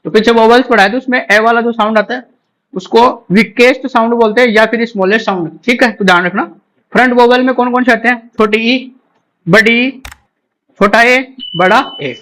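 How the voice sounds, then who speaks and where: High-voiced man teaching phonetics. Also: a bit bright, poor audio. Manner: repeats points, drills sounds slowly aloud. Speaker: English teacher. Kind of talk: exam-prep lesson.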